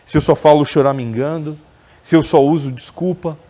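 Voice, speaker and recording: A man's voice: fairly high pitch, fairly even intonation, normal speed, dark tone. Man giving a conversational spiritual talk. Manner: conversational, frequent tag questions, acts out quoted dialogue. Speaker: lecturer at a spiritist center. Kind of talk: spiritual lecture. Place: spiritist center lecture hall.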